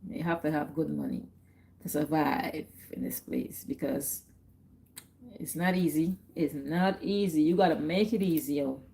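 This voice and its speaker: A middle-aged woman with a Guyanese accent hosts a livestream, chatting casually, repeating herself and laughing often. Her voice is low, gravelly and mellow, and she speaks unhurriedly on a low-quality recording.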